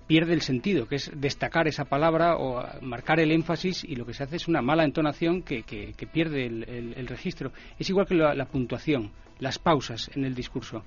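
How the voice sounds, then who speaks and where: A man speaking as a guest commentator in a radio discussion, measured and explanatory. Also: fairly high pitch, dull audio.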